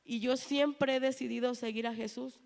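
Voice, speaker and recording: Woman, 30s, fairly high voice, earnest church testimony, long reverb of a big hall. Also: fairly even intonation, normal speed, vocal fry, a little mellow, a little hiss or hum. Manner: earnest storytelling, acting out quoted dialogue. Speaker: church member giving testimony.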